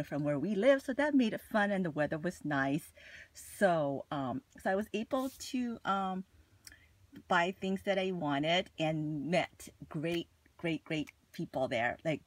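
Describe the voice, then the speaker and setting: A woman with a low voice chats casually about her shopping haul in a vlog, gushing and sprinkling in plenty of "like" and "you know." There's no echo on the recording.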